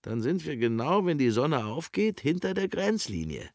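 A man voicing an easygoing adult smuggler in a noticeably higher, unbothered voice. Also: wildly swooping pitch, moderate pace, darkish tone, dry recording, studio quality.

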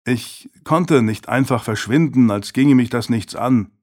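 A man's voice: mid-range voice, unhurried, darkish tone, close to an everyday voice. A man voicing a defiant, sarcastic teenage boy in an audiobook reading. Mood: earnest. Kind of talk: audiobook character voice.

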